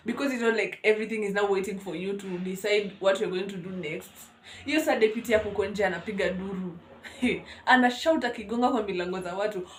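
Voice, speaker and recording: A young woman with a Kenyan accent telling a school story on her vlog in an animated, dramatic way. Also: medium pitch, echoey room, slight background noise. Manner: animated, dramatic, code-switching. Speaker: vlogger.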